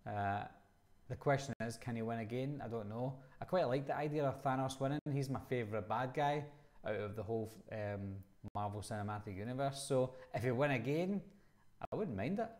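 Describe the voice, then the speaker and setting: With a mid-range, darkish voice and a slightly fast pace, a man in his thirties with a Glaswegian accent hosts a casual live chat. He speaks conversationally, reading each question aloud before answering it.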